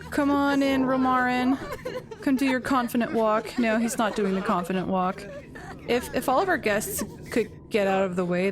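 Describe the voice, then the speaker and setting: Young woman, fairly high voice, casual gameplay commentary, expressive, exclaims a lot, talks to the characters. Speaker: gaming channel host.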